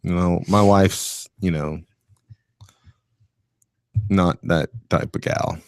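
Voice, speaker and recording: A man with a very deep voice co-hosts a casual studio talk show. He speaks in a laid-back way and drops dry wisecracks. The sound is close and dry on a studio mic. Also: steady tone, slow pace, no echo. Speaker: podcast co-host.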